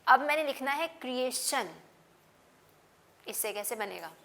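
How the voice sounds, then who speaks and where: A woman's voice: high voice, expressive, measured pace, creaky, fairly bright tone. A woman teaching an English phonics class, spelling words out letter by letter and mixing Hindi-Urdu with English. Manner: calls out to students by name.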